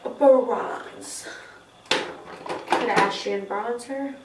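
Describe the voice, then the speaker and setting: A woman's voice: fairly high pitch, extremely slow. A drunk woman giving a casual makeup tutorial, rambling in short fragments. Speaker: makeup vlogger. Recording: roomy echo, distant mic, noisy.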